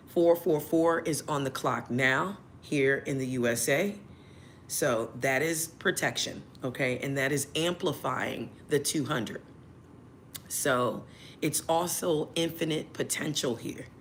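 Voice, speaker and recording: A woman whose voice is still hoarse, hosting a tarot livestream in a chatty way and checking in with her listeners often. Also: a bass voice, takes it slowly, a little hiss or hum. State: hoarse, recovering voice. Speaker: tarot reader and channel host.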